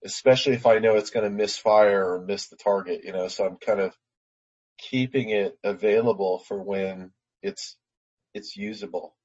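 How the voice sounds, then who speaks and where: Low-voiced man, team leader, earnest. Husky tone, lo-fi call audio. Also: moderate pace, darkish tone. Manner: earnest, restarts phrases. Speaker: team leader being coached. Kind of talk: call conversation.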